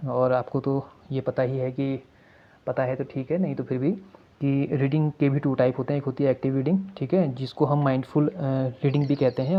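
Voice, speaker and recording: Hindi-speaking man teaching in a flat voice. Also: medium pitch. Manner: addresses viewers as friends, mixes English terms into Hindi; many hesitation fillers. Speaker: exam prep teacher. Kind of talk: explaining exam reading strategies. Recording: dull lo-fi recording.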